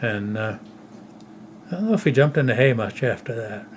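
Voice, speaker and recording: An older man at home casually telling stories from his childhood, unhurried and rambling, often trailing off softly at the end of a phrase. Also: medium pitch, lively intonation, a little hiss or hum. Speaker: storyteller recalling his childhood.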